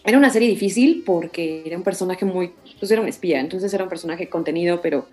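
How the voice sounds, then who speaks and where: A woman's voice: fairly low pitch, quick pace, faint music behind. A voice actress, talking casually in an interview and acting out the quotes in her story. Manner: animated, many fillers, acts out quotes.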